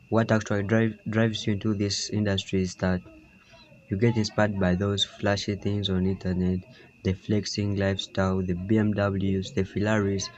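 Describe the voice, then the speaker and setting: A man's voice: lowish voice, a little mellow. A young man from Uganda casually telling his own story, rambling with frequent restarts and repeated "yeah"s. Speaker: trading vlogger. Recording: slightly dull lo-fi.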